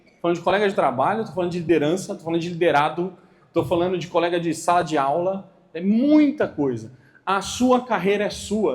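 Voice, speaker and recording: A Brazilian man giving an internal corporate training talk to a room, acting out little dialogues as he goes. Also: high-pitched. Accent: Brazilian Portuguese. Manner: animated, acts out dialogues.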